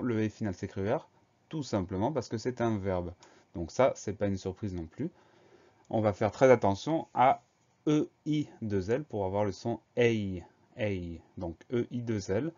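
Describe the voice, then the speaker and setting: A man's voice: on the low side, dark tone, dull audio. A man with a French accent, teaching a spelling lesson patiently and spelling each word out letter by letter.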